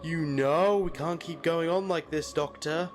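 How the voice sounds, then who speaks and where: A man's voice: a little high, soft background music, lightly acted. A man playing a sneering, mocking devil. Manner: mocking, sneering, drawn-out taunts. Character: taunting devil, male, sly and menacing. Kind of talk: audio drama acting.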